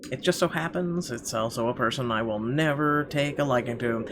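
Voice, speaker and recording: This is a man who hosts gaming videos, theatrically voicing visual novel narration at a moderate pace and sometimes fumbling his words. His voice sits in the mid-range, and background noise mixes with the game music.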